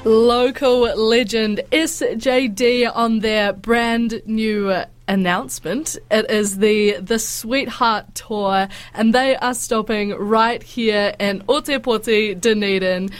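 A woman's voice: on the high side, steady tone, slow pace, few pauses, faint music behind. A woman with a stuffy nose from a cold, hosting a radio interview in an effusive, encouraging way. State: has a head cold. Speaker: radio breakfast show host. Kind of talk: friendly live radio interview.

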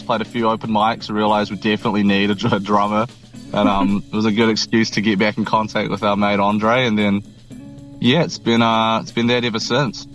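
A young man in his twenties with a New Zealand accent, chatting casually about his band in a relaxed, rambling way with lots of fillers and restarts. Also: fairly low pitch. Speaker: band member guest. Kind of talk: casual interview chat.

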